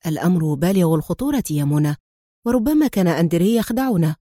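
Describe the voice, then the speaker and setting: A stern male spy hero speaks low, calm and clipped, as a woman reading a storybook puts him on. The voice sits lower than her own, and the sound is dry and close. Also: quick pace, no room sound.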